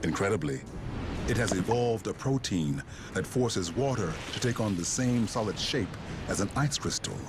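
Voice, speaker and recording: A man's voice: on the low side, lively intonation, normal speed. A man narrating a nature documentary from a script, with dramatic storytelling delivery. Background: music under the voice.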